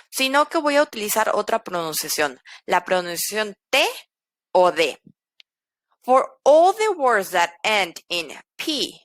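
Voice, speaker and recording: Slow, deliberate woman teaching pronunciation. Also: mid-range voice, fairly bright tone, dry recording. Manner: slow, repeating each word example for learners. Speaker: English teacher. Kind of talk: language lesson.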